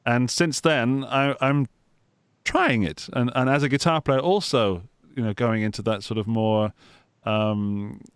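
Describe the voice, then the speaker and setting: On a studio microphone over a video call, an English podcast host with a Gloucestershire accent presents a live guitar show, chatty and full of jokes and restarts. His mid-range voice holds a steady tone at a measured pace, smooth and dry, with studio-quality sound.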